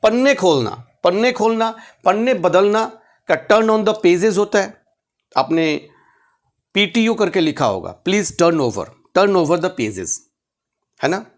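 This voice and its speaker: A man's voice: sits high, sing-song, takes it slowly. A man teaching English vocabulary in a Hindi-medium lesson. He spells words out letter by letter, repeats phrases, and asks questions before answering them himself.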